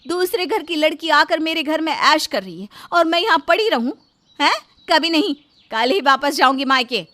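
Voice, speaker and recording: A woman's voice: high voice, expressive, moderate pace, pitched above the performer's own voice. A woman voicing a bossy, spoiled young married woman who scolds and taunts in storybook dialogue. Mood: taunting. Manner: loud, scolding, sarcastic.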